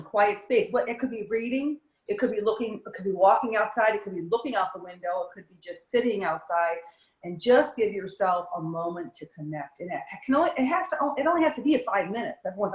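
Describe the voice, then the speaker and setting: A woman's voice: mid-range voice, animated, fairly quick. A woman, a yoga and fitness instructor, eagerly giving wellness advice in a casual interview. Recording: roomy echo.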